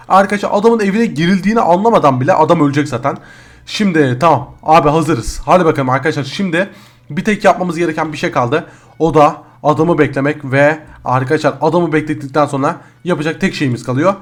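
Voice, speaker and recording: A man's voice: on the high side, fast. A man hosting a gaming video, talking casually through his gameplay and addressing the viewers as friends.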